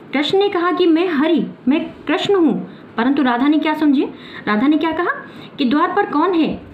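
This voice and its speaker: A woman teaching a grammar lesson, explaining step by step and answering her own questions. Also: sits high. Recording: muffled with clear background noise.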